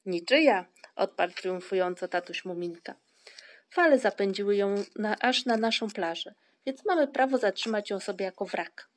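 A woman reading the part of Moominpappa, a proud, excitable father troll, in a storybook. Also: medium pitch, normal speed, close to an everyday voice. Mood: emphatic. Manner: proud, emphatic.

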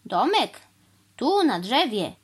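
A cheerful, stubborn mother cow, as a woman reading a storybook puts her on, speaking in a bright, raised voice with a lively lilt. She answers every objection calmly and matter-of-factly, never bothered. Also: high voice, unhurried, pitched above the performer's own voice, heavily acted. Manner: calm, matter-of-fact, unbothered.

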